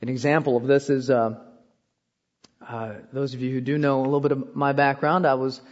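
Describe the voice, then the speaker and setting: A man's voice: medium pitch, flat delivery, fairly quick, big-room sound, lo-fi sound. A man, preaching a sermon as pastor and telling self-deprecating stories with frequent "okay?" asides. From born in Korea, raised in Iowa. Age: 30s.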